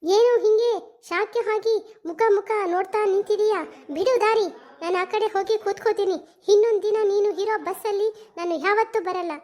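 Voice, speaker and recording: A performer voicing a sharp-tongued, hot-tempered young village woman who scolds in a shrill cartoon voice with a Mysore Kannada accent. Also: fairly even intonation, brisk. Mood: angry scolding.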